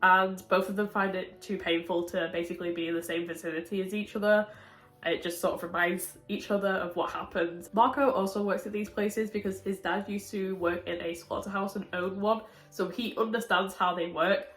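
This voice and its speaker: A woman's voice: medium pitch, fairly even intonation, moderate pace. A woman with a slight cold gives a casual, chatty book review, sounding muffled as if through a window. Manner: informal, laughs often as she talks. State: a little sick with a cold. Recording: roomy echo, muffled sound.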